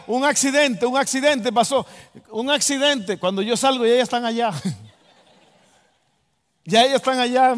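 Guy preaching, high voice, big echoey hall, acts out the story. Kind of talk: storytelling sermon. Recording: long hall reverb.

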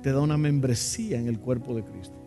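A man's voice: medium pitch, fast talker, mellow, faint music behind. A man preaching a sermon in a church, impassioned and asking the congregation questions. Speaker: pastor.

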